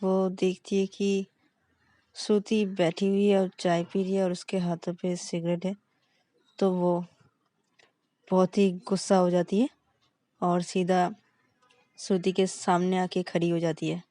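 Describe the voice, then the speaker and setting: A woman's voice: on the low side, flat delivery, a little slow, long pauses, dark tone, no room sound. A woman casually narrating a love story, linking each step with the same simple phrases. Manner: plain, repeats linking phrases.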